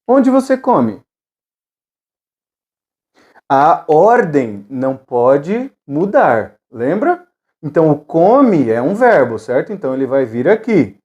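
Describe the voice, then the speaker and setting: Brazilian woman, english teacher, online video lesson, slow repetition drills, low mellow voice. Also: very animated, lo-fi sound. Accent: Brazilian Portuguese. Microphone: camera with ring light.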